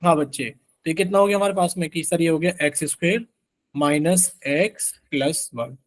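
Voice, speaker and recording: A man's voice: fairly high pitch, normal speed, no echo. A young man teaching math in a live online class, constantly quizzing students and voicing their answers for them. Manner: asks students questions constantly, voices their replies as "sir".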